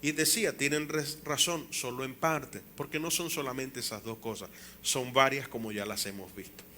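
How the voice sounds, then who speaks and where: Bright-voiced preaching pastor in his fifties. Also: mid-range voice, normal speed, a little hiss or hum. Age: 50s. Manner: animated preaching with acted quotes and rhetorical questions. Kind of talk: sermon. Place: church.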